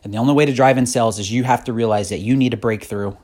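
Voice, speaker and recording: A husky-voiced man in his thirties delivers a motivational podcast monologue. He talks bluntly and swears freely, pressing his point harder as he goes. His voice sits at an ordinary pitch for a man. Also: steady tone, racing, darkish tone. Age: 30s. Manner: blunt, profane, increasingly fired-up. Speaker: podcast host.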